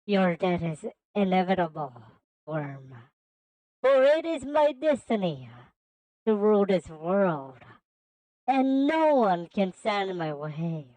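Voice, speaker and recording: A woman voicing a cold, menacing male villain who calls everyone a worm, making slow, grandiose threats that break into frantic stammering. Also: medium pitch, big pitch swings, mellow, no room sound, rough recording.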